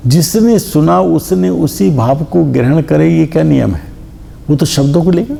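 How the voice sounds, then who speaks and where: A man teaches scripture to listeners in a hall, leaning on examples and stressing single words. His voice is gravelly and dark in tone, sitting a little high, with a faint hum behind him. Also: measured pace. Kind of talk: Jain scripture discourse. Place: discourse hall.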